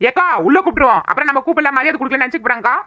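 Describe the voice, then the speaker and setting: A woman voicing a chatty, bossy young village woman in a cartoon, talking fast and scolding. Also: high voice, expressive, dull audio, noisy background. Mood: plotting. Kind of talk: cartoon voice acting.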